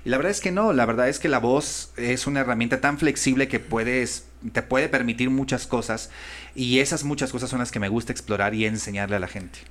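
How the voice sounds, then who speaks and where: Speaking briskly in a mid-range, fairly bright voice, a male voice-over artist and voice coach holds a casual, thoughtful conversation, frequently starting over while he hunts for the right words.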